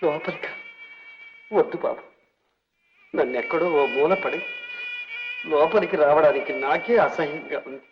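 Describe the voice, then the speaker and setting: An actor playing an old, ruined former millionaire suffering from leprosy, who speaks in a tearful, sorrowful and humble way. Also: male voice, on the high side, unhurried, pauses often, close to an everyday voice. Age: older. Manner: sorrowful, tearful, self-pitying pleading. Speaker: film character. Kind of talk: 1960s Telugu film drama. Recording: dull old film soundtrack with music.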